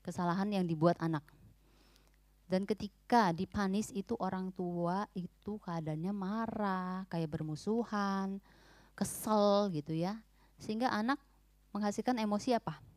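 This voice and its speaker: A woman's voice: medium pitch, measured pace, a little mellow, no echo. A woman giving an informal, emphatic church talk on parenting, often mixing English words into her speech.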